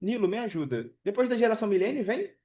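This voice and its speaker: A man's voice: high-pitched, very animated, quick pace, warm tone, echoey room. A man in his twenties teaching English in a casual live online class, chatty and full of fillers and check-ins with his students. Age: 20s.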